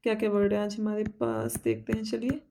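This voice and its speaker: A woman with an Indian English accent teaching vocabulary for exams, repeating each word and asking herself quick questions. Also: medium pitch, very animated, background noise. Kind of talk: exam-prep vocabulary lesson.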